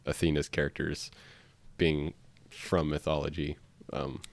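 A man's voice: a bass voice, animated, measured pace, vocal fry. A man co-hosting a casual movie review podcast, trading skeptical, joking remarks. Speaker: podcast co-host.

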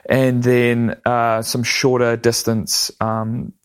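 A man's voice: medium pitch, monotone, takes it slowly, smooth. A man with a New Zealand accent, chatting casually in an easygoing, hesitant way as an interview guest. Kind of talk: casual conversation.

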